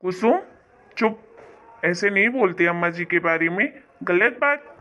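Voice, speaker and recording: A woman's voice: lowish voice, expressive, a little slow, highs cut off. A woman voicing a patient young husband in a cartoon story, soothing and apologetic.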